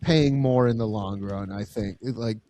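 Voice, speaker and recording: A man co-hosting a podcast in casual chat, relaxed and hesitant, often trailing off. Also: fairly low pitch, normal speed. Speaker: podcast co-host.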